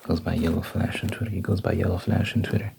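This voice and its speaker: Deep-voiced man rambling over noisy audio. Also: little pitch movement, fast talker, vocal fry. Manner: informal, thinking out loud. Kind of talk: casual rambling talk.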